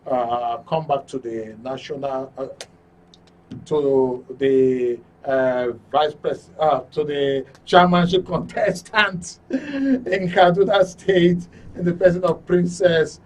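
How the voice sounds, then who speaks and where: This Nigerian man has a fairly high-pitched voice and a slow pace, and the recording's highs are cut off. He's a radio and TV host fronting a live call-in programme in a broadcast studio, courteous yet frequently hesitant. Captured on a distant mic with noticeable background noise.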